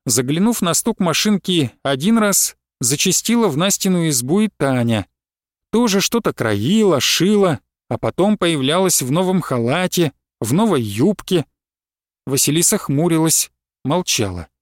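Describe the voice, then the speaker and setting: A man calmly narrating a story as an audiobook reader. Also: fairly high pitch, no echo, studio quality. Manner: calm, measured storytelling. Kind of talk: audiobook reading.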